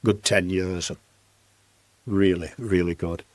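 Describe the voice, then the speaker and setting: A man's voice: deep voice, takes it slowly, no echo. A man, telling rambling stories as a podcast guest. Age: 80s. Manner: rambling, lively anecdotes with restarts. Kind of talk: storytelling in casual conversation.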